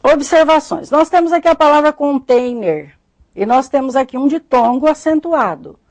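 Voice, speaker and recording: A woman with a Brazilian Portuguese accent giving a recorded grammar lesson, methodically explaining rules and spelling out example words slowly. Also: high voice, expressive, a little mellow, no room sound. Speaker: Portuguese teacher.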